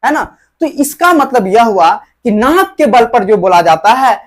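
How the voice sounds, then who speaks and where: A woman teaching a grammar lesson to school students, explaining slowly, drawing out example vowels and posing rhetorical questions to the "dear children". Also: a little high, animated. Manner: drags out example vowels when demonstrating.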